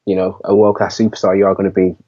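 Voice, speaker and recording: Brief: male podcast co-host, mellow and agreeable, recorded on dull lo-fi audio. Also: deep voice, completely flat delivery, rapid-fire. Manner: agreeable, many "yeah"s and "you know"s. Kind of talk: casual fan podcast chat.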